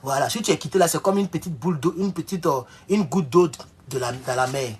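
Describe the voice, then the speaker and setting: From his home in Mexico, a YouTube live host with a fairly high, husky voice speaks briskly and bluntly. He scolds commenters and repeats himself often, peppering his talk with many "voilà".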